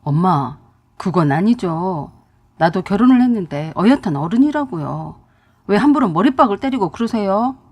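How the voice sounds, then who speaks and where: A woman's voice: mid-range voice, lively intonation, normal speed, a little mellow. A woman voicing a young husband who argues defensively with his mother, in a radio drama reading. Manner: pleading, defensive complaining.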